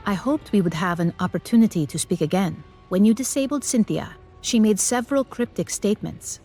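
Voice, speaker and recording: A woman playing a formal, measured female officer. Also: mid-range voice, lively intonation, mellow, soft background music, natural voice. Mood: composed. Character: calm, formal female briefing officer, precise. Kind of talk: video game cutscene dialogue.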